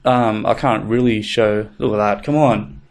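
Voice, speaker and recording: A man's voice: on the low side, steady tone, measured pace. A man co-hosting a podcast, chatting casually in a laid-back, rambling way with plenty of fillers and swearing. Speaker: podcast co-host. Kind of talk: casual chat.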